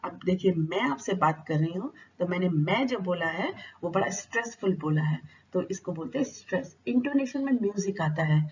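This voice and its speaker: A woman teacher giving a lecture, asking herself questions and answering them. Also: medium pitch. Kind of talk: explanatory lecture. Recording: dull, slightly distant recording with faint noise.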